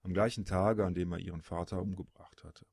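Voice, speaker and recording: A man narrating a fantasy audiobook with a husky voice, in steady, measured storytelling. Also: low voice, dry recording, clean studio sound.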